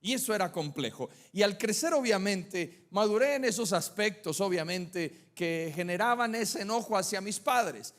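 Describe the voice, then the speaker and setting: Man, preacher, high-pitched voice, conversational sermon, humorous anecdotes, rhetorical questions. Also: expressive, moderate pace, hardly any pauses, a bit bright. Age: adult, married with children.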